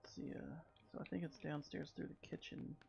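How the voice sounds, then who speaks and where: A man giving relaxed, wry commentary while playing a video game on stream, recorded on a dull lo-fi mic. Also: a little high, brisk, vocal fry. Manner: relaxed, wry asides while reading menus. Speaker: let's play streamer. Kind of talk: casual gameplay commentary.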